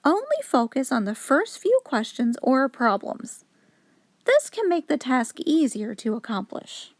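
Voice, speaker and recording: Slightly slow and high-pitched, a woman who hosts as a children's story reader shares a picture book with young listeners. Her instructive storytelling has very lively rising and falling intonation, and the dry, close recording has no room sound.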